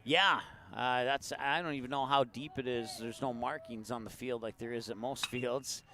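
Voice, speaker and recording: Guy doing baseball play-by-play, laid back, chatty between pitches, got the hiccups. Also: steady tone, normal speed, bright, forceful tone, slight background noise. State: has the hiccups. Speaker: play-by-play announcer.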